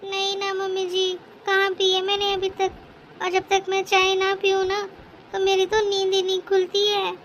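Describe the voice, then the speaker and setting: A scheming young daughter-in-law in a cartoon, played by a woman, who complains in a sugary, whiny tone to get sympathy. Her voice is very high. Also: completely flat delivery, normal speed, fairly bright tone, slight background noise. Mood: whining. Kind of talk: cartoon voice acting.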